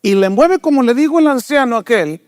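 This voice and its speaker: A man's voice: a little fast, dry recording, studio quality. An older man preaching a sermon, asking the congregation rhetorical questions and acting out characters in his stories. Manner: animated storytelling, acts out characters in raised pitch. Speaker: pastor.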